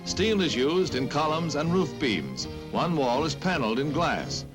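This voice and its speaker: An American man narrates a 1950s newsreel with a dramatic, punchy announcer's delivery. His voice is a little high with big pitch swings at a measured pace, and the old soundtrack sits under loud music.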